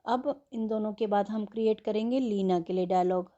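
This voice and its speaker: A woman teaching an English worksheet, slowly spelling words letter by letter and explaining them in Hindi. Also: medium pitch, warm tone, highs cut off. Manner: slow and patient.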